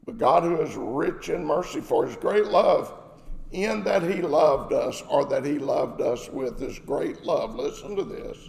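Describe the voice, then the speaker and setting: A man's voice: fairly high pitch, unhurried, creaky, darkish tone, big-room sound. A man preaching a sermon as pastor, emphatic, asking rhetorical questions.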